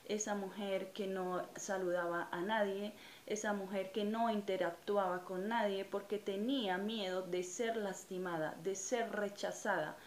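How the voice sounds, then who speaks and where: A woman's voice: mid-range voice, fairly even intonation, a little slow. Earnest Colombian woman in an echoey room. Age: 30s. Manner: earnest, reflective, hesitant with frequent "eh" fillers. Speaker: channel host giving personal testimony. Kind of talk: personal religious testimony to camera. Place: small indoor room in front of a curtain. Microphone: camera or phone at close range. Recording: echoey room with faint ambient noise.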